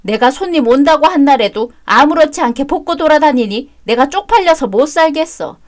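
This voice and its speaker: Woman reader playing a bossy older mother-in-law, shrill and nagging, high-set voice. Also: expressive, fairly quick. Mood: complaining. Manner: scolding, shrill bursts.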